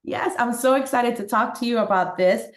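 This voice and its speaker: A woman's voice: on the high side, normal speed. Woman, podcast host, chatty and upbeat, roomy echo on the voice. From Miami, Florida. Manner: upbeat, laughs often, drops Spanish words. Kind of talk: casual interview.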